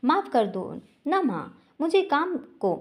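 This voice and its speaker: A woman voicing a young man, a devoted son who is quick to anger but pleads earnestly with his mother. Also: sits high, very animated, voice pushed up, full character voice.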